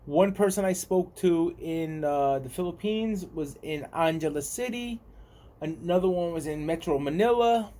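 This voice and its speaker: A man's voice: a little high, measured pace, warm tone. A man from the United States with a New York accent, chatting casually to his viewers and rambling and repeating himself. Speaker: vlogger. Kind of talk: casual talk to camera.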